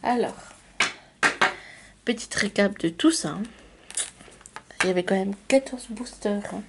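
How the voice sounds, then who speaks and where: A woman's voice: mid-range voice, a little slow, vocal fry, noisy background. A woman chatting unscripted through a card-opening vlog, talking straight to her viewers. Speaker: YouTuber opening trading card packs.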